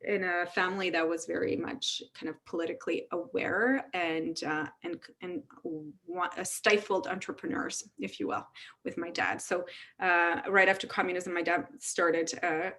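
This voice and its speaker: A woman from Romania, a tech CEO speaking as an interview guest, talking candidly in a fast-flowing way with frequent restarts. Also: on the low side, vocal fry. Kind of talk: casual interview conversation.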